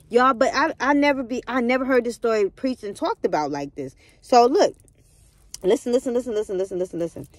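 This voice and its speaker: A woman's voice: high voice, no room sound. Emphatic woman preaching over a Bible story. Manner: emphatic, preachy asides, keeps calling out to listeners. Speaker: vlogger retelling a Bible story. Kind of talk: casual Bible story reading with commentary.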